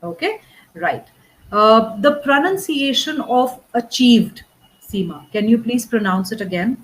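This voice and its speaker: A woman's voice: fairly high pitch, lively intonation, measured pace, poor audio. A woman tutoring English one-on-one. She works patiently through grammar and pronunciation corrections and keeps checking understanding with "right?" and "correct?". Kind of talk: one-on-one spoken English coaching.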